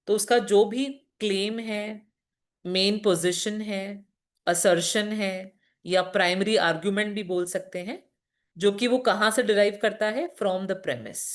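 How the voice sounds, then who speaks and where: A woman teaching a lesson at a middle pitch. She explains one step at a time, poses questions and answers them herself. words slip into her Hindi as she goes. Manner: mixes English terms into Hindi explanations. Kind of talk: classroom lecture.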